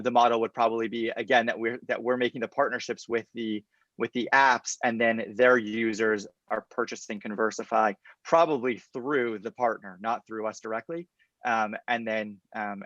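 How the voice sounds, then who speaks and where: A man's voice: fairly low pitch, fairly bright tone, no echo, highs cut off. Confident startup founder, man. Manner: explanatory, orderly, point by point. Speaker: startup founder answering judges' questions. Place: indoors on a video call. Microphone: computer mic on a video call.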